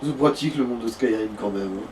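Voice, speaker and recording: A fast-talking man with a medium-pitched voice co-commentates on a let's play, explaining the video game casually and with plenty of slang as he goes. The room is noisy and the microphone sits far from him.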